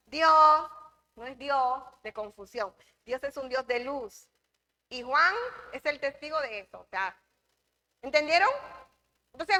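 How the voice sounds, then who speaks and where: A woman's voice: sits high, pushed and bright. A woman from the Republic, teaching a church Bible class in an emphatic way, repeating key phrases and asking the class questions. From Dominican Republic.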